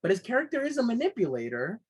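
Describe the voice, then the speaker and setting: Husky guy reviewing a movie with friends, lively, does little voices when he quotes himself. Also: very high-pitched, fast, rough recording. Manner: animated, puts on voices when quoting himself. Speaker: podcast co-host, film reviewer. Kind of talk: casual film review chat.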